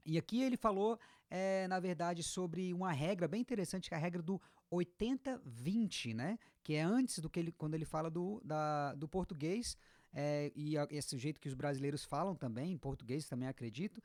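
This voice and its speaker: A woman with a Brazilian accent giving a casual online English lesson, explaining patiently and repeating example words slowly. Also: sits low, a little mellow, no echo, studio quality. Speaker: English teacher.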